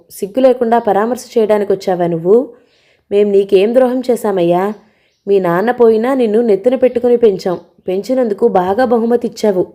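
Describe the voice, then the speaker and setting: A woman's voice: mellow, close to an everyday voice. A woman doing a bitter scolding mother. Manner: accusing, shrill tirades. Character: bitter grieving middle-aged mother, shouting.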